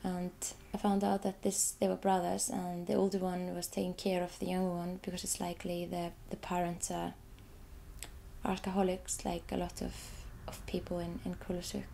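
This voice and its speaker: Being interviewed about her photographs, an Icelandic artist uses English as a second language and speaks hesitantly, frequently repeating words and starting over. Her warm, creaky voice is fairly low and totally flat, at normal speed, with slight background noise.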